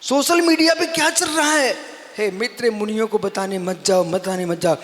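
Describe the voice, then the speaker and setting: High-voiced monk preaching in a reverberant hall. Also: male voice, normal speed, a bit bright. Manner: exhorting, addresses listeners by name, repeats phrases for emphasis. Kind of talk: sermon.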